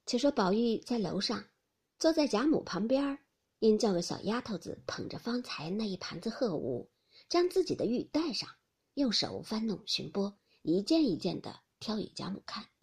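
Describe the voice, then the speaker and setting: A woman narrating a classic novel as an audiobook, with expressive, rhythmic phrasing. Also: medium pitch, moderate pace, husky. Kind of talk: storytelling reading of a classic novel.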